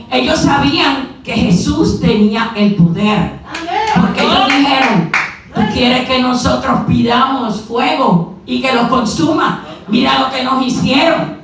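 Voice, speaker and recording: A woman preacher giving a sermon in a church, retelling a story with rhetorical questions and quick asides. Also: high-pitched, noisy background. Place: church sanctuary. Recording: very echoey hall, mic far off.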